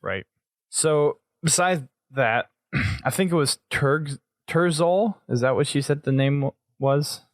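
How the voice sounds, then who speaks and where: A man co-hosting a podcast, recapping an episode in casual talk, often pausing and restarting his sentences. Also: mid-range voice, dry recording. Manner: halting, restarts often while summarizing. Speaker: podcast co-host.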